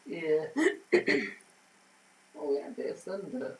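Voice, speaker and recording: A man's voice: fairly high pitch, sing-song, slow pace, fairly bright tone, a little hiss or hum, low-quality recording. A man hosting a casual home quiz, reading answers and adding trivia with frequent fillers. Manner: chatty, reads answers then adds trivia with many fillers. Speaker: quiz host.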